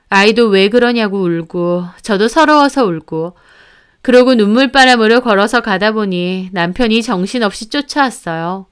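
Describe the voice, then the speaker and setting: A woman's voice: medium pitch, smooth. A woman narrating a family conflict story in the first person, indignant and emotional.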